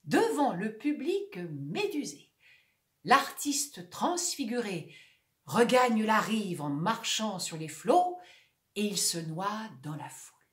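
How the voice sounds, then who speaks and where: A woman's voice: mid-range voice, slow. Woman reciting with dramatic flair. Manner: expressive, dramatic swings between bright and hushed. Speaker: reader of literary texts. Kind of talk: theatrical recitation of a comic monologue. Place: room at home. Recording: roomy echo.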